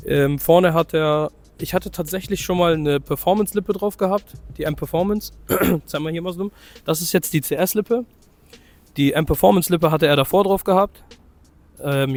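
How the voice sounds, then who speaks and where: A young car vlogger, his voice a little high and slightly hoarse from a cold, walks around his own car in a casual vlog. He chats loosely, filling gaps with fillers and correcting himself as he goes.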